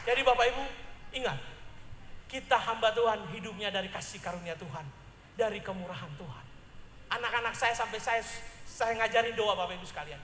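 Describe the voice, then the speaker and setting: A man in his forties preaches in a high, bright voice, telling stories with humor and playing out every side of a conversation. The sound rings through an echoey church hall with a long reverb tail and a faint hiss of room noise. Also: fairly quick. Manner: lively, humorous, acts out dialogue. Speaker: pastor. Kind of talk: storytelling sermon.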